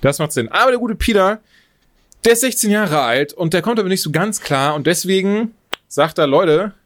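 A man hosting a podcast, chatting casually about films in an animated, digressive way full of quick asides. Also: sits high, a little hiss or hum. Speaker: podcast host reviewing films. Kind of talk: casual chat.

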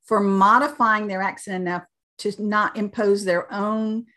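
A woman's voice: medium pitch, fairly even intonation, a little slow, bright, forceful tone. A middle-aged woman from the American South with a light Southern accent, talking animatedly as an interview guest. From Southern United States. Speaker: guest, accent reduction teacher. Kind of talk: casual interview talk.

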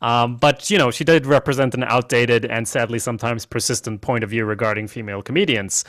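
A man co-hosts a relaxed podcast and recaps episodes in a loose, profane, joking way. His voice sits at an ordinary male pitch. The recording is dry and close, with no room echo. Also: fairly quick. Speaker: podcast co-host. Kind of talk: casual chat reviewing a TV show.

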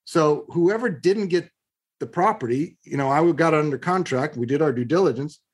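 A middle-aged man in an interview, telling blunt, animated stories and acting out both sides of an argument. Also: fairly high pitch, normal speed, slightly rough. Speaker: guest, real estate investor. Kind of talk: conversational interview storytelling.

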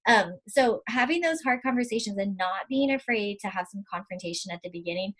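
A woman, talking casually as a guest, animated and laughing often as she acts out quotes. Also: mid-range voice, fairly quick. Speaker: podcast guest. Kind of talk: casual conversation.

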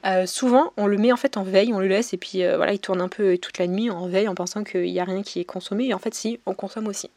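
A woman at an ordinary mid pitch gives practical tips to business owners, speaking straight to the listener. She hesitates often and restarts her phrases. The sound is dry, with no room around her. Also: fairly even intonation, quick pace, hardly any pauses, a little mellow, dry recording. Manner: hesitant, frequent fillers and restarts, addresses viewers directly. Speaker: presenter giving eco tips to business owners. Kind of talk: informal advice talk to camera.

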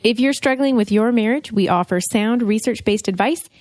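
A woman co-hosting a podcast, playful and teasing, often answering with quick interjections. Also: fairly high pitch, a little mellow, no room sound. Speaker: co-host. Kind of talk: casual podcast chat.

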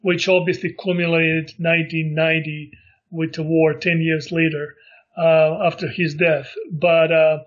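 A middle-aged man from Montenegro, appearing as an interview guest, casually recalls his life, speaking haltingly with frequent fillers and restarts. His voice sits on the high side with a flat delivery, and the audio sounds dull.

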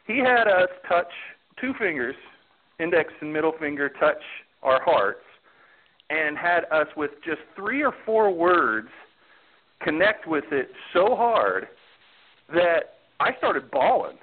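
Candid man, slightly high, tinny sound. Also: very animated, slow pace. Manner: candid, self-deprecating storyteller who laughs easily. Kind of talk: casual podcast chat. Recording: tinny phone-like audio.

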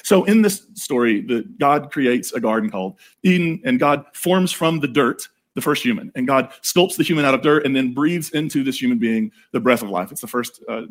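A man preaching a sermon in a casual, jokey way, telling the story with animated asides. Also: medium pitch, moderate pace, hardly any pauses.

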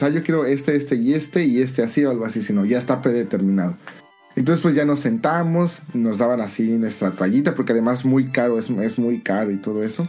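A man with a Mexican accent tells a long anecdote in loose, slangy podcast talk. His voice is mellow and warm, with a soft bed of music under it. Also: mid-range voice. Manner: colloquial, rambling anecdotal storytelling. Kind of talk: casual podcast chat.

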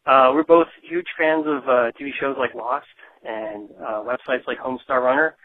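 A man's voice: medium pitch, normal speed. A man in his thirties leaving a rambling, hesitant voice message, played back from a voicemail. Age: 30s. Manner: hesitant, filler-heavy, deadpan. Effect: voice message played over a phone line. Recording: tinny phone-line voicemail.

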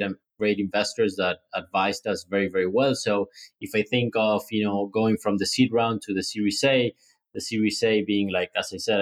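A man with a lowish voice talks as a startup founder being interviewed. He explains his business conversationally. He often doubles back on words and pads phrases as he goes.

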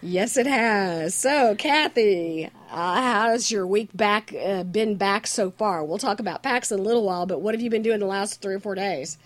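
A woman's voice: mid-range voice, moderate pace, hardly any pauses. A woman hosting a casual podcast, sick with a cold and struggling to talk. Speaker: podcast host.

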